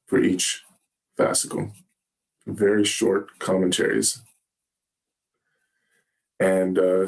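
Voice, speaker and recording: A man giving a Zen dharma talk, gentle and halting, often pausing to search for words. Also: lowish voice. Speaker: Zen teacher. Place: meditation hall.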